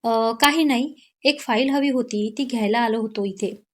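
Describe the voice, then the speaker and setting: A woman voicing a restless, lovesick young man in an audio story, speaking slowly and softly. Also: on the high side, close to an everyday voice. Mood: evasive. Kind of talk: Marathi audio story narration.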